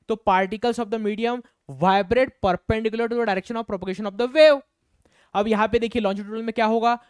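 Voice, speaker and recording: A man's voice: sits high, clear, resonant tone, dry recording, studio quality. A man teaching a physics class online, asking and answering his own questions and repeating key points. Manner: counts out rhythms aloud.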